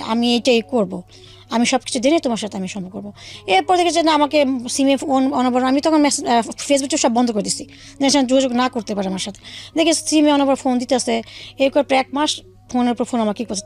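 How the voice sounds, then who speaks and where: A high-voiced woman with a somewhat dark timbre shares her life story as a radio interview guest. She goes into detail and re-enacts old conversations herself, quoting them line by line.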